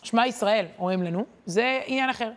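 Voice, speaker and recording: A woman giving a weekly Torah lesson in a conversational, animated way, often pausing on hesitation fillers. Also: fairly high pitch. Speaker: Torah teacher.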